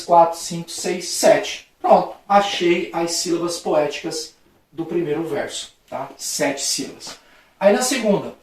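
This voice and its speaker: A man's voice: sits high, far from the mic. A man with a Brazilian Portuguese accent teaching a recorded lesson at a board, friendly and patient, ending his points with a checking "right?" and acting out playful examples. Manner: friendly, with frequent checking "tá?" tags; acts out a playful street-shouting example for stress. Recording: very echoey room, voice from off-mic.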